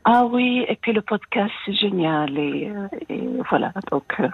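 Caller, woman in her 60s, slight American accent, hesitant, gravelly and a bit muffled. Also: mid-range voice, expressive, a little slow, slight background noise. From France. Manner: hesitant, many fillers and soft laughs. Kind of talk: phone-in confession.

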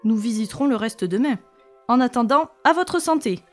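A woman's voice: on the high side, lively intonation, moderate pace, soft background music, natural voice. A woman voicing a friendly, bold male dragon in a storybook reading. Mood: hearty.

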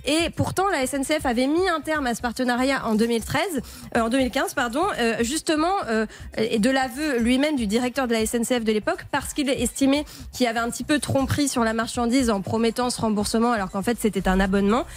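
A woman's voice: a little high, quick pace. Woman explaining consumer advice on radio. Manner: explanatory, advising listeners directly. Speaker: consumer affairs columnist. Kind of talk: informative radio segment. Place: radio studio.

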